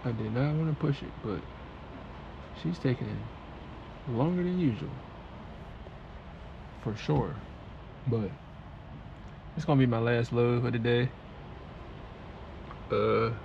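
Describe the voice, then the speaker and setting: Male trucker, vlog to camera, gravelly texture, chill slangy delivery, noisy cab behind. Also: medium pitch, takes it slowly, long pauses, dull audio. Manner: laid-back, slangy, chatty. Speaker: truck driver. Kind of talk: casual vlog talk to camera. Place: inside a truck cab at a warehouse.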